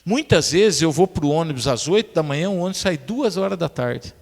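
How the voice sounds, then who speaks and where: A man's voice: fairly high pitch, brisk, creaky, big-room sound. A male pastor preaching a sermon, telling humorous personal stories to his congregation. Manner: lively storyteller, addresses the congregation as brothers. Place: church sanctuary.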